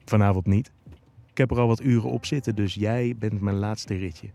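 A man's voice: fairly low pitch, steady tone, normal speed, vocal fry. A man voicing a teasing young woman. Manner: teasing, soft-spoken.

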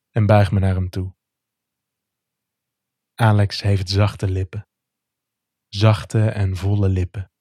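A man with a lowish, mellow voice reads a romantic first-person story. He keeps it soft, intimate and measured, close and dry with no room around him. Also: dry recording. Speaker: narrator.

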